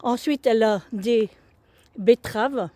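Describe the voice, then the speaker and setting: A woman's voice: a little high, a little slow, warm tone. A French woman chatting casually to her viewers in a home vlog, talking to them as friends. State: out of breath. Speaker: vlogger.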